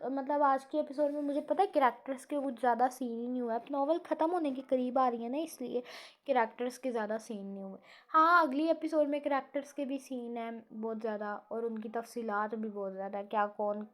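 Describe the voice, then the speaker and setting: A woman with a high voice talks casually about her own novel, rambling along and stopping to correct herself mid-sentence. She sounds tired and sleepy. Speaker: novel writer.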